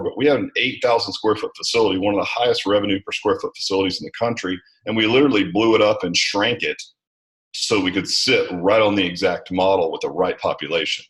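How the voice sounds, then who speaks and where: A man's voice: lowish voice, fast talker, rough recording. A middle-aged American man giving talkative, informal interview answers, often checking in with "right" and "you know". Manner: talkative, informal, peppered with 'right' and 'you know'. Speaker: interview guest, gym franchise founder.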